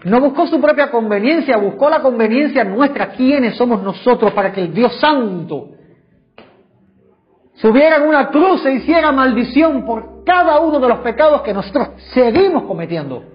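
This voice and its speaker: A man's voice: very high-pitched, lively intonation, moderate pace. A man preaching a sermon to a congregation in church, fervent and full of rhetorical questions. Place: church service before a congregation. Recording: dull lo-fi sound, faint music behind.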